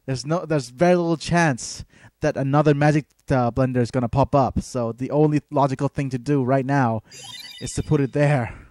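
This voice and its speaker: A man thinking aloud over his video game in a rambling let's play commentary, full of fillers and pauses. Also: mid-range voice, a little mellow, no room sound.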